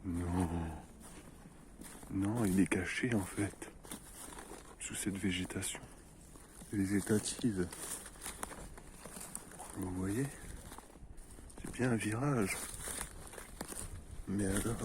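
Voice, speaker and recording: A man's voice: on the low side, very slow, pauses often. A man vlogging outdoors in a snowy forest, joking with viewers in a mock-formal explorer manner. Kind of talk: playful mock-explorer commentary. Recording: noisy outdoor recording.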